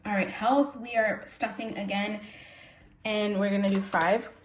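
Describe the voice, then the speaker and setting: Still stuffy and sniffling, the budgeting channel host chats through her cash-stuffing routine, fixing her own words mid-thought. Her voice sits mid-range, a little slow, with fairly even intonation; the room echoes and there's faint noise.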